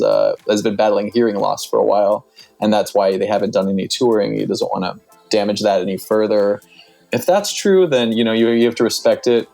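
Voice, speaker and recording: Podcast guest, man, low mellow voice, rambly casual delivery, faint music underneath. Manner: loose and rambling, full of "like" and "uh" fillers.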